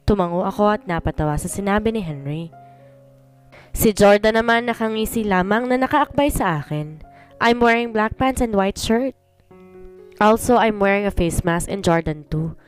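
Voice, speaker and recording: A woman reading a first-person story in scripted narration, in one even voice, code-switching between Tagalog and English. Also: mid-range voice. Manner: reads every part in one plain voice, mixing Tagalog and English. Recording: voice over soft background music.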